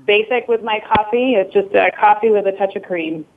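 A woman's voice: mid-range voice, steady tone, normal speed. A woman speaking casually and a little hesitantly as a radio interview guest, calling in by phone. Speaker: talk show guest. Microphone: phone call into radio show. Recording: thin phone-line sound.

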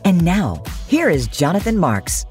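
A woman's voice: fairly low pitch, sing-song, measured pace, darkish tone. A woman announcer reading a scripted radio program introduction and disclaimer. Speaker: show announcer. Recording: music bed under voice. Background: music.

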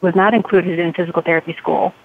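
A woman calling in to a radio talk show over a phone line, speaking earnestly and haltingly with fillers. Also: fairly low pitch, steady tone, a little hiss or hum. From San Diego area. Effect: caller heard over a phone line.

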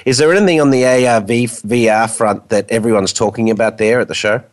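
A male radio host speaks casually at a middling pitch. His voice is croaky and hoarse with flu, and he feels his way through sentences in a chatty, hesitant manner. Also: a little fast.

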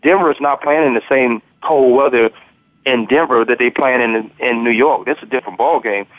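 A man's voice: medium pitch, moderate pace, dry recording. Male co-host on a phone line; casual, repetitive analysis; thin phone sound. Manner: repeats words, loose and talkative. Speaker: sports radio co-host and analyst. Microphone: telephone.

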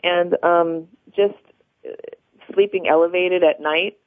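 A woman's voice: fairly low pitch, steady tone, takes it slowly, dry recording. An American woman, a stylist guest on a radio interview, chatting casually and sharing tips. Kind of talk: casual chat, giving tips. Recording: thin phone-line radio sound.

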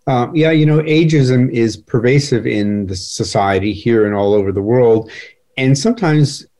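An older man with a mellow, warm tone talks in a relaxed discussion. He speaks in a measured, thoughtful way, pausing on fillers and repeating a word now and then. He sounds like a writer sharing his views. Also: medium pitch. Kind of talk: conversational discussion.

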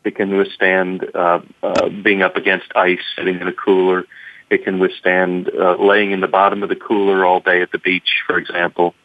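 Deep-voiced man on a tinny line. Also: completely flat delivery, no room sound. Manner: halting, many repeats and fillers. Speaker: company executive guest. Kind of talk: interview answers.

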